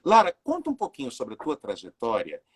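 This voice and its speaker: A man's voice: medium pitch, wildly swooping pitch, fairly quick, husky. A man in his sixties hosting a live video interview, chatty and full of fillers as he greets viewers. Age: 60s. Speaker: interviewer and live show host.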